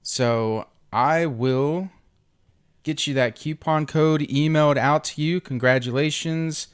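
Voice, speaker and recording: Clear-voiced man making a casual giveaway announcement. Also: fairly high pitch, slow. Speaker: host of an online trading group.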